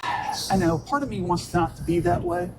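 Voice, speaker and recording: A man's voice: high-pitched, lively intonation, normal speed. A man in his forties hosting a podcast, rambling through casual chat with crude jokes. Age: 40s. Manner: joking, rambling, crude banter. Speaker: podcast host. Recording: loud background noise.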